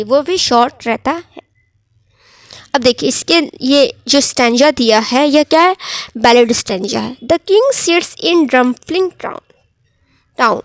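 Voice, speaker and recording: A woman teaching literary terms in a lecture, who asks rhetorical questions and answers them herself, and reads English lines slowly before explaining them. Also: sits high, no room sound. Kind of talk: exam-prep lecture.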